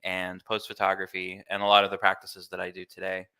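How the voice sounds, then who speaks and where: A glitch artist from Miami speaks as an interview guest in a casual explanatory chat. His bright, clear American voice is low-pitched, monotone and fairly quick, and he's easygoing and informal, leaning heavily on fillers like "like" and "kinda."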